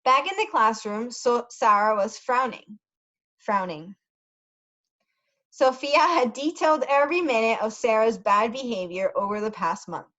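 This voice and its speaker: A woman with a bright, forceful voice on the high side reads a story to English learners at a measured pace with lively intonation. As their tutor, she carefully repeats key words and adds short Spanish translations. The recording is muffled.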